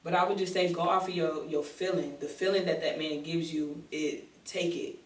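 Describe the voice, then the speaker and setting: A woman's voice: deep voice, steady tone, normal speed. A woman as a podcast guest, speaking candidly and emphatically in slangy casual talk. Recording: echoey room, distant mic.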